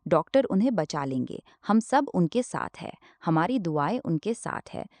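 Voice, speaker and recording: A woman's voice: lowish voice, big pitch swings, normal speed, a little mellow, no echo. A woman voicing a caring, sensible young woman who coaxes and comforts her family in a storybook reading. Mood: comforting.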